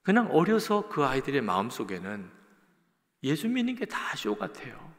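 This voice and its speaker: A man's voice: a little high, wildly swooping pitch, normal speed. A man preaching a sermon as a pastor, telling stories, acting out quotes and speaking straight to the congregation. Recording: long church-hall reverb.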